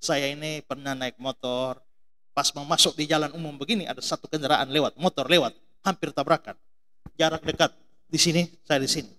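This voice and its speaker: Brisk and on the high side, a middle-aged pastor from Indonesia delivers a sermon, telling lively stories, imitating voices, and peppering the congregation with questions.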